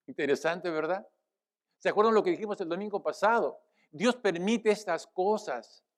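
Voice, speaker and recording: A man preaching a sermon as pastor, swelling loud on key phrases, then easing back into a quieter teaching tone, often asking the congregation to agree. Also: high-pitched. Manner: asks the congregation "¿verdad?" and addresses them as brothers. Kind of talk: Spanish-language sermon.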